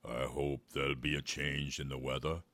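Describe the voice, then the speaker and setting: A man reading aloud, voicing a gruff, selfish male giant in a children's storybook, slow and stern. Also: extremely low pitch, little pitch movement, fairly bright tone, no room sound. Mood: wondering.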